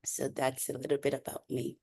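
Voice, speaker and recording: Very deep-voiced woman on a video call. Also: monotone, fairly quick, vocal fry, warm tone, husky. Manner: earnest, with frequent um and uh fillers. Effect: heard over a video call. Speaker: panel guest. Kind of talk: webinar self-introduction. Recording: remote call audio.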